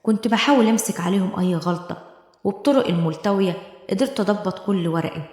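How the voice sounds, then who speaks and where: A woman with an Egyptian Arabic accent telling a dramatic first-person story as a steady storyteller, in an echoey room with long reverb. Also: medium pitch, fast talker.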